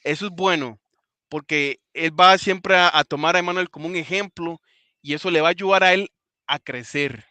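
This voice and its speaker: Emphatic man with a bright voice. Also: fairly high pitch, moderate pace, clear, resonant tone, no room sound. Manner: emphatic, repeats points for stress. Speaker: English teacher and host. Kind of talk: live class talk.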